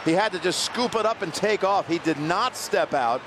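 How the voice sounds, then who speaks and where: A man's voice: high voice, expressive, moderate pace. A man giving emphatic live commentary on a football broadcast. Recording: broadcast with clear stadium noise. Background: stadium noise.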